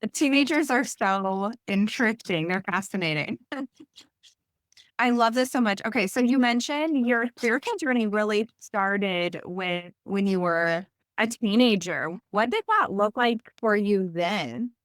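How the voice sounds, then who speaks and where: A young woman hosts a podcast conversation, eager and chatty, and often says "like." Her voice sits at a middling pitch and is recorded dry and close. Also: a little slow, no room sound. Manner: enthusiastic, chatty, filler-heavy questions. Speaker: podcast host. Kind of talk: casual conversational interview.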